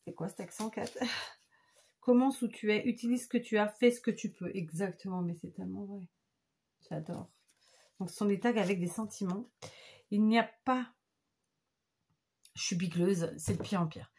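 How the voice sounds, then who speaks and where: A woman's voice: medium pitch, normal speed, pauses often, darkish tone, breathy edge. A woman chatting casually to camera as she shows off handmade papercraft gifts, gushing with enthusiasm. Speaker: craft vlogger. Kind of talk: casual show-and-tell chat.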